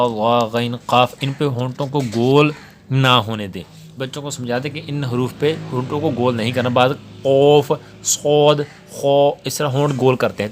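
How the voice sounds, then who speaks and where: A male teacher leads a reading lesson with a calm, even-paced delivery, spelling out letter pairs one by one so pupils can repeat them. A faint hiss sits under the recording. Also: medium pitch. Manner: patient, repeats letters slowly for pupils to echo. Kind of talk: spoken Urdu lesson.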